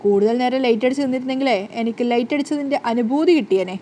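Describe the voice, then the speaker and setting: A woman's voice: high-pitched, fast talker, mellow, a little hiss or hum, natural voice. A woman voicing a gleeful young wife who teases her husband in a playful, mocking way.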